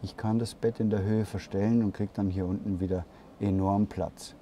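A man giving a slow walkaround tour of a camper van at a trade fair, thinking aloud with pauses and fillers. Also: on the low side, little pitch movement, warm tone. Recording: crowd noise of a trade fair. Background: crowd chatter of a fair.

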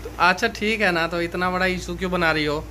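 A man's voice: high voice, steady tone, brisk, pushed and bright, a little hiss or hum. A man in his thirties filming a casual family vlog in a small room at home, pleading with his wife and sounding exasperated. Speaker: vlogger husband. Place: small home bedroom, indoors.

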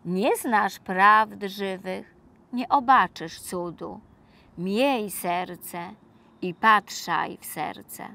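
A woman, a local resident, reciting a ballad in an earnest, measured way. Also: mid-range voice, vocal fry, bright, forceful tone. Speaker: resident reader. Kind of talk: poetry recitation.

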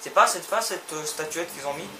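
A young man casually commenting on his gameplay, excitable and talking back to the characters on screen, often repeating himself. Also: fairly high pitch, fairly quick, background noise. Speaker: let's play gamer.

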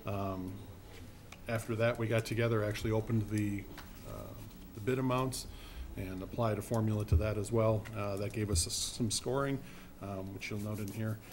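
Lowish-voiced guy giving a committee report, lots of ums, room noise behind him. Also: steady tone, darkish tone. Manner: halting, many ums and uhs. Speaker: finance committee member. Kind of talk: meeting report. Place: village board meeting room.

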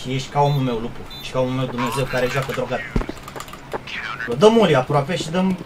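A man streaming a team shooter game, giving orders and hurling crude insults at his teammates. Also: mid-range voice. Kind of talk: profane live gaming commentary. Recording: noisy stream audio with gunfire behind. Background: game gunfire.

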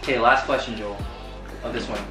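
A man quizzes a friend in a casual, prompting way, his voice at an ordinary pitch. The room rings with echo. Music plays in the background. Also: fairly even intonation, a little fast. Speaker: question asker. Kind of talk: casual chat.

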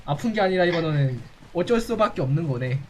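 A man's voice: a little high, animated, brisk, darkish tone, a little hiss or hum, low-quality recording. A man chatting casually on a game live stream, with playful, flirtatious banter.

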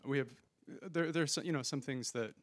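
On a conference room stage, a man who helped organize the panel speaks thoughtfully into a handheld microphone, hedging often with frequent fillers and restarts. His mid-range voice moves at normal speed, and there's no room sound.

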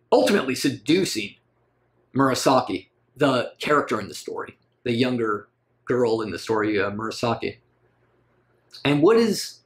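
A man giving a recorded literature lecture, asking rhetorical questions and rising on emphatic words. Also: mid-range voice.

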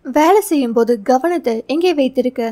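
A woman's voice: high voice, normal speed, warm tone, natural voice. A woman reading the part of a stern, impatient male boss who scolds sarcastically, in a storybook reading. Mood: irritated scolding.

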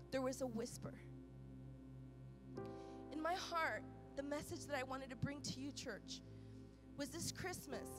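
Woman pastor, high voice, impassioned sermon over clear music, swings loud to soft. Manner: impassioned, swings between loud urgent peaks and soft quiet passages; repeats and restarts phrases while preaching. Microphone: microphone.

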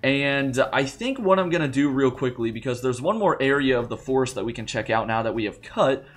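A man's voice: medium pitch, animated, a little fast. A young man hosting a gaming channel, chatting loosely through a let's play in a groggy morning voice, rambling with lots of fillers and restarts. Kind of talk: casual let's play commentary. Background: faint game music.

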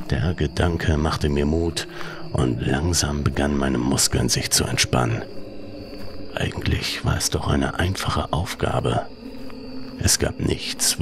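A horror story narrator reads a scripted first-person tale in a very deep, creaky voice, slow, measured, and suspenseful, letting phrases fade into a breathy hush. There's noise in the background.

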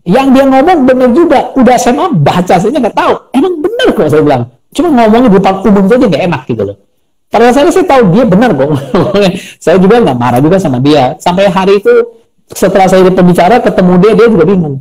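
A man's voice: high voice, fast talker, low-quality recording. A middle-aged man, a coach and speaker, telling stories in a live interview and acting out the voices of the people he quotes. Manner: animated, acts out quoted voices. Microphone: phone or video call.

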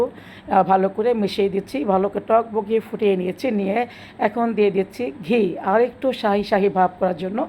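A woman, slightly hoarse from a cold, talking homely and chatty through a cooking tutorial voice-over, restarting her phrases often. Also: mid-range voice, mellow, a little hiss or hum. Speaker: cooking channel host.

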